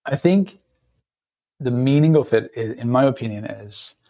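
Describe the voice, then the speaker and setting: A man from Turkey in his late thirties, accented in Turkish, guests on a podcast for a casual interview. Thoughtful, he pauses frequently for words, using a mid-range voice that is dark, with vocal fry and lively intonation.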